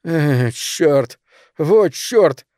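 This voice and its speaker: A man's voice: a little high, lively intonation, extremely slow, a little mellow, no echo, clean studio sound. A man voicing a frightened, self-pitying male writer who talks in a miserable, pleading way.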